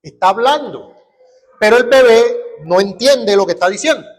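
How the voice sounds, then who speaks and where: Male Colombian pastor, high-pitched teaching voice, sermon in a reverberant church hall. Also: normal speed. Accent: Colombian Spanish. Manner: teaching with rhetorical questions and examples. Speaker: preacher. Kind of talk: expository sermon.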